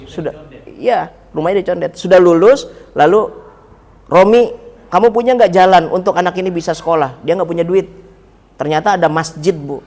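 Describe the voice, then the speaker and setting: A man's voice: a little high, darkish tone. A man teaching a religious study class in a mosque, with a humorous, anecdotal manner, turning often to the listeners as Pak and Bu. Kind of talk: mosque study-circle lecture.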